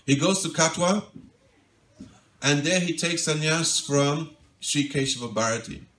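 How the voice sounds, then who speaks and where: A man, a monk giving a devotional lecture, tells a sacred story in a gentle storytelling style, dropping to a soft, quiet voice for quoted pleas. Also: fairly high pitch, a little slow. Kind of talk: storytelling sermon. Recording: roomy hall echo, mic at a distance, faint ambience.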